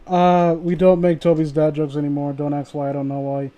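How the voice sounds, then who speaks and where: Soft music sits behind a tipsy man who chats, swears, and reads horror stories from the internet on his livestream. His pitch is on the high side and his tone dark. He talks fairly quickly with a completely flat delivery.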